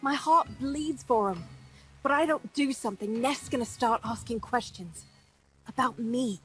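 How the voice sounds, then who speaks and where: A woman's voice: fairly high pitch, measured pace, faint music behind, close to an everyday voice, low-quality recording. An actress playing a tough, wisecracking woman squad leader in video game dialogue, brash and teasing with nicknames for everyone.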